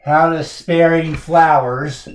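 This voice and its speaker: Slow, deliberate male teacher. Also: on the high side, fairly even intonation. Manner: slow, emphatic rhetorical questions. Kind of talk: classroom lecture on a poem.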